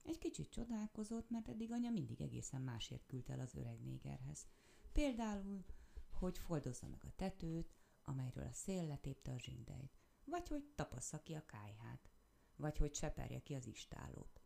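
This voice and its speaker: A woman reads a children's story aloud with a low, gravelly voice. Her telling moves lively up and down, with a dark, mellow tone. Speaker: narrator. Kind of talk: storybook reading.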